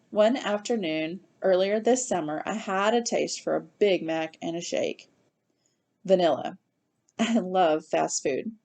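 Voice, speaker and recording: A woman reading a novel aloud in the first person, with lively, expressive storytelling. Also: mid-range voice. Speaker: reader.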